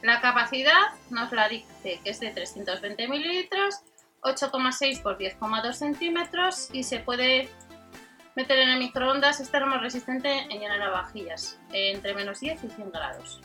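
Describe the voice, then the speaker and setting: Bright, high-voiced Spanish woman presenting products. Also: animated, moderate pace, faint music behind. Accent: Spain. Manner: reads out specs and prices item by item. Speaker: host of a shopping video channel. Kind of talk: product rundown voice-over, informal commentary.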